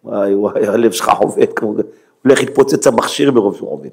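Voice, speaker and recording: A man preaching as a rabbi, dramatic and emphatic, swinging from hushed near-whispers to loud exclamations and rhetorical questions. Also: fairly low pitch, lively intonation, gravelly, slightly rough. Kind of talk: Hebrew sermon.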